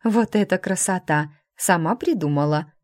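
A woman's voice: on the low side, normal speed, natural voice. A woman voicing a friendly but bossy hospital doctor in an audiobook, teasing one moment and commanding the next. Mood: friendly, curious. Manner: warm and teasing, turns stern and commanding.

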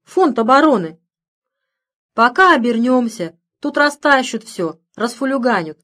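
A woman reading a story aloud as a first-person narrator, in lively, folksy, conversational rural speech. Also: a little high, measured pace. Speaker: audiobook reader.

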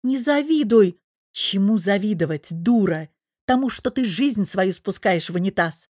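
A woman's voice: mid-range voice, normal speed, no room sound. A middle-aged woman narrating an audiobook in the first person, blunt and sardonic. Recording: dry close studio sound.

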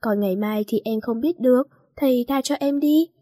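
A woman's voice: on the high side, moderate pace, dark tone, no room sound, clean studio sound, natural voice. A young woman voicing a cheeky, mischievous schoolgirl who whines and begs. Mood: whining pleading. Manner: whining, pleading, sly.

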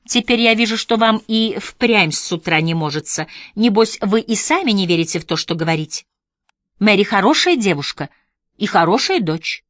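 A woman voicing a brisk middle-aged district nurse with a professionally cheerful, coaxing manner. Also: medium pitch, lively intonation, fairly bright tone, no echo, studio quality, voice pushed up, close to an everyday voice. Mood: cheery.

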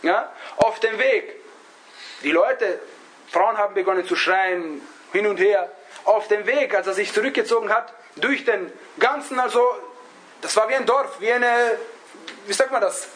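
High-voiced man teaching, halting delivery. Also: a bit bright, low-quality recording. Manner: halting, searches for words, often adds a questioning "ja?". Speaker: religious teacher. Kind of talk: religious lesson, storytelling to a class.

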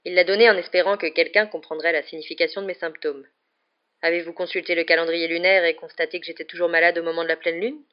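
A woman voicing a grown male wizard teacher who speaks calmly with restrained emotion, on a slightly muffled recording. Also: on the low side, fast, close to an everyday voice. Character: calm, weary adult male wizard teacher.

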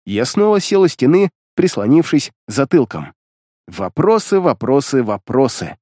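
A man reading a first-person fantasy story aloud in a wry, expressive storytelling manner. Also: mid-range voice, a little slow, studio quality. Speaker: audiobook narrator. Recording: long reverb.

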